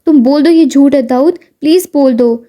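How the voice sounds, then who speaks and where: A woman's voice: sits high, mellow, natural voice. A woman voicing a heartbroken young woman, tearful and pleading.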